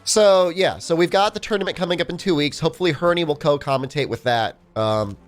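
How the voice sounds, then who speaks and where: While he plays, a young speedrunner talks casually to his stream in a voice clogged by a cold, fairly high and brisk. He rambles on, filling his speech with "like" and "I mean." Soft music plays in the background.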